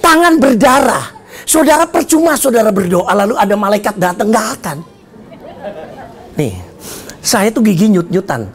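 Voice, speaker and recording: A middle-aged man preaching at a church service, his gravelly voice swinging widely in pitch. He tells a funny story and acts out the voices in it, sometimes breaking into shouts. His Indonesian delivery stays conversational and playful. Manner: animated storytelling, acting out shouted dialogue. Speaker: pastor. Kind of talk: lively comedic sermon.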